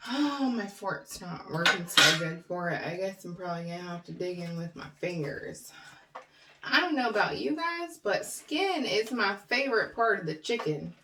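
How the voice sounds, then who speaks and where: A woman's voice: lowish voice, sing-song, moderate pace, pushed and bright. A middle-aged woman chatting casually to viewers as she eats, chewing while talking and humming over her food. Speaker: mukbang vlogger. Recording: roomy, distant mic with faint noise.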